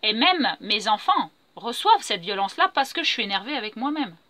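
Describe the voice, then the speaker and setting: A woman's voice: fairly high pitch, sing-song, fairly quick, pushed and bright, no room sound. A middle-aged woman talking earnestly and repetitively about her feelings in a spontaneous spiritual monologue. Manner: earnest, repetitive, self-affirming. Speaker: vlogger sharing personal growth.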